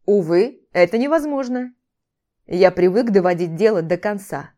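A woman voicing a domineering ex-husband in an audiobook, speaking in a flat, calm, mocking way. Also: mid-range voice, moderate pace, lightly acted. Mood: calm cold.

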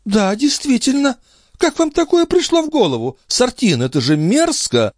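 Guy doing a high airy countess voice, bossy and mocking, swoopy, dry close sound. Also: sing-song, normal speed, no room sound, exaggerated voice. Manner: breezy, mocking, commanding. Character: haughty imperious noble countess, woman. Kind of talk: audiobook character voice.

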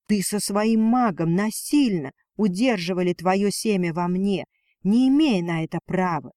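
A man's voice: high voice, unhurried, a little mellow, no echo, studio quality. A man voicing Ninalia, a proud female dragon and mother who fights for her weak daughter, speaking in a defiant, pleading manner. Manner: pleading then spitting defiance.

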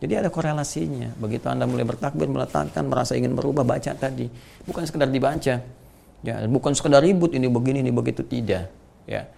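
A man's voice: medium pitch, quick pace, creaky. A man, a religious teacher giving a casual Islamic study lesson, explaining plainly and praying with feeling in between. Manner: casual explaining with lively prayer passages.

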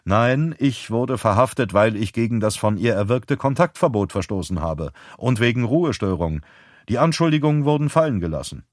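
A man's voice: mid-range voice, expressive, moderate pace, dry recording, studio quality, natural voice. A man reading an audiobook, playing a guarded man under questioning who gives terse, defensive answers.

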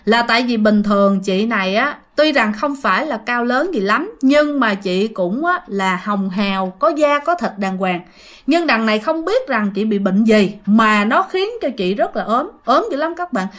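A woman narrates a ghost story in a relaxed, conversational manner. Her voice sits a little high, and she keeps speaking straight to her listeners, filling her phrases with small spoken fillers. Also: moderate pace. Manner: chatty, addresses listeners directly, many fillers.

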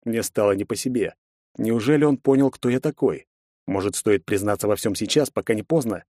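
A man narrating a first-person audiobook in a measured, even storytelling manner. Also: lowish voice, no echo, clean studio sound.

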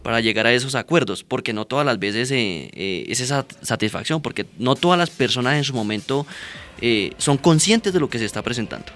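A man's voice: mid-range voice, lively intonation, brisk, a bit bright, soft background music. A man, a police mediator explaining his work in a radio interview, earnest and often asking "right?". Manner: earnest, explanatory, frequent "¿verdad?" and "¿sí?" tags.

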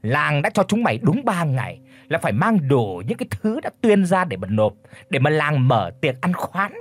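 A man voicing a bullying, foul-mouthed old village chief who shouts threats and orders. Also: on the high side, big pitch swings, moderate pace, no room sound. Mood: furious.

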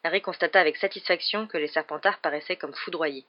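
A woman narrates a novel aloud with an expressive, lively reading. Her voice sits low, and the recording sounds dull and lo-fi. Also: fast talker. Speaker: audiobook narrator. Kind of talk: audiobook narration.

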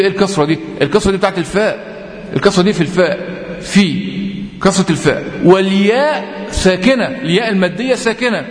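High-voiced Egyptian man teaching in an echoey hall. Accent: Egyptian Arabic. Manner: patient, repetitive explaining, drawn-out example readings. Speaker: Quran recitation teacher. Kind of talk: tajweed lesson. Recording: echoey room with long reverb.

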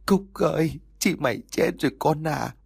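A man's voice: on the high side, moderate pace, creaky, slightly rough, dry recording, clean studio sound, voice pushed up, heavily acted. A man voicing a distraught older village mother who is weeping and pleading, in a narrated story. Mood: wailing. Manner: wailing, pleading.

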